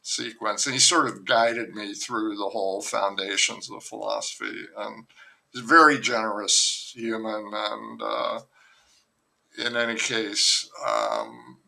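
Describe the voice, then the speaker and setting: Speaking unhurriedly in a low, gravelly, bright voice with a forceful edge, an older author chats casually as a remote interview guest. He tells long, meandering stories, often cutting himself off to start over, and the recording is rough.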